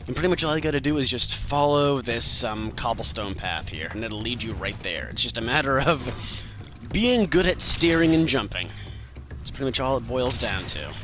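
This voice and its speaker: A man's voice: mid-range voice, lively intonation, normal speed, a bit bright. A man giving casual, chatty, self-deprecating commentary as host of a video game walkthrough. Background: game music.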